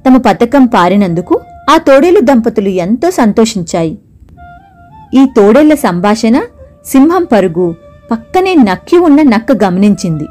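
A woman narrates a children's animal fable with animated, dramatic delivery. Her voice sits a little high and rises and falls widely. Soft music plays faintly behind her. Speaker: storyteller. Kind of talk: expressive storybook narration.

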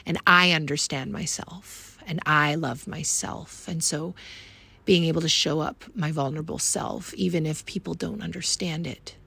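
A woman's voice: low voice, fairly even intonation, normal speed, gravelly, pushed and bright, husky. A woman hosting a podcast from home, speaking in an earnest, reflective way and often addressing listeners directly as "you guys.". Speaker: podcast host. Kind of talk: casual self-help talk.

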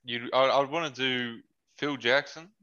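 A young man, a former basketball player, telling stories in a relaxed podcast chat and acting out what his friends said. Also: medium pitch, measured pace, smooth, muffled recording. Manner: animated storyteller, quotes friends in their voices, laughs often. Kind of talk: casual podcast chat, storytelling.

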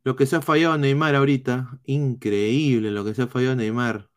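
A man with a Peruvian accent doing live football analysis, reading chat comments in a blunt, swearing style with halting restarts. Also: mid-range voice, steady tone. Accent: Peruvian Spanish. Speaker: football streamer.

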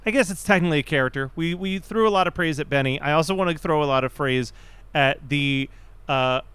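A man with a smooth, clear voice talks movies on a podcast. He speaks a little higher than most men and sounds close and dry, with no room around him. He talks quickly and often breaks into laughs. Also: fairly bright tone, no echo. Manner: quick, laughs often, acts out quoted lines. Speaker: podcast co-host. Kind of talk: casual movie podcast chat.

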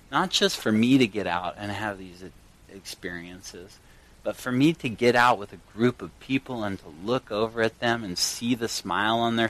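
Earnest, low-voiced man talking from a garage. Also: fairly bright tone, rough recording. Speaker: podcast host and yoga teacher. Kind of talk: personal monologue to listeners. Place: in a garage, recording at a home studio setup.

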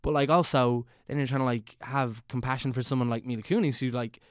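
A young Irish man in his mid-twenties hosts a relaxed podcast conversation, circling his points with plenty of "like" before landing on a question. His mid-pitched voice sounds dry and close to the mic. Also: fairly quick, smooth, dry recording. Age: 20s. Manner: rambling, heavy use of "like", probing questions. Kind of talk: casual podcast chat.

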